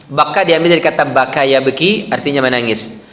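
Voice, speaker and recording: An Islamic preacher delivers a sermon at the mosque after dawn, telling anecdotes in a humorous, conversational way. His voice is mid-range and fairly bright, and he speaks fairly quickly. The mosque adds a long reverb.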